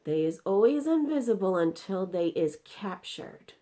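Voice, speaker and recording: A woman performs an indignant, distressed storybook giant, exclaiming in garbled grammar and stretching words out for emphasis as she explains things emphatically. Her voice is mid-range and mellow, with wide pitch swings and a measured pace.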